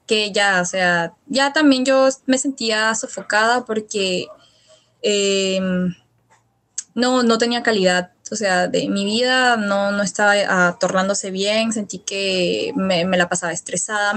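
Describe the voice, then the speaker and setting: A young Latin American woman talks through her experience in a relaxed interview, voice at an ordinary middle pitch. She circles back often, restarts phrases and slips in fillers as she thinks. The sound is close and clean, on a studio mic. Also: measured pace. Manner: hesitant, many restarts and fillers, quotes her own past words. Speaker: interview guest. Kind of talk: casual storytelling interview. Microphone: studio microphone.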